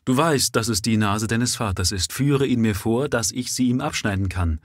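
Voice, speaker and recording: A man's voice: mid-range voice, normal speed, no room sound, clean studio sound, lightly acted. A man reading a story aloud and voicing a cheeky, greedy servant who talks with mock humility. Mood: demanding. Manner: cheeky, coaxing, mock-humble. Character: sly, greedy young male jailer's servant.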